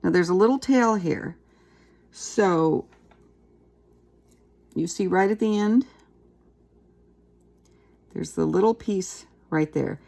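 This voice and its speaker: Gravelly-voiced woman teaching a craft. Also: on the low side, slow pace, long pauses. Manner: chatty, relaxed, talks while working with her hands. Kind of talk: casual craft tutorial.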